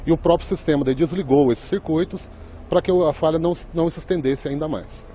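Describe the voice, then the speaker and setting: Man, news interviewee, very rapid speech, soft dark tone, faint noise. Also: fairly high pitch.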